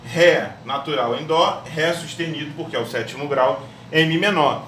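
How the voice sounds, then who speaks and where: A man's voice: a little high, normal speed, a bit bright, distant mic. A man teaching a music theory lesson step by step, often checking in with his students. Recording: echoey room, voice off-mic, faint hum.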